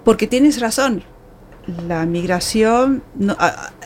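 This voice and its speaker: A woman's voice: on the high side, lively intonation, takes it slowly, darkish tone, slight background noise. A woman from Argentina hosting a casual chat, asking questions and musing openly. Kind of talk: casual conversation.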